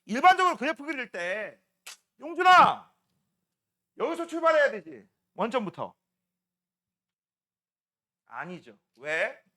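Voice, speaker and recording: A male science teacher lecturing a classroom, firing quick check-in questions at his students. His voice sits high and bright, and his pitch leaps around animatedly, jumping between loud calls and quieter asides. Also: very animated. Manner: quizzing students with constant check-ins. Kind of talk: classroom lecture to middle schoolers.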